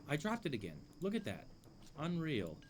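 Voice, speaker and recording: A man's voice: fairly high pitch, huge pitch swings, normal speed, slight background noise. A man casually commenting on his gameplay, musing and dryly amused, talking to himself at a desk microphone he sometimes leans away from. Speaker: streamer playing a game. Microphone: desk microphone, leans away at times.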